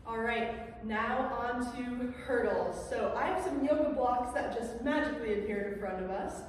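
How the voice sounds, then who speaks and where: A woman's voice: on the high side, moderate pace. A woman instructing an exercise class, calling out counts and directions in an encouraging way. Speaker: exercise instructor leading gait training. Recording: echoey reverberant room, distant mic, faint noise.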